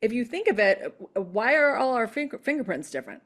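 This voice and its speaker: A woman coach talking in a podcast conversation, animated and quick to act out what people say. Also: fairly high pitch. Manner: animated, acts out quoted voices. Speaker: guest coach.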